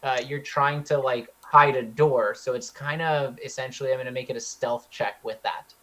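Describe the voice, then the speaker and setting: A man's voice: mid-range voice, fairly even intonation, normal speed, pushed and bright. A young Californian man running a tabletop game as dungeon master, loose and hesitant with plenty of ums and uhs. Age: young adult.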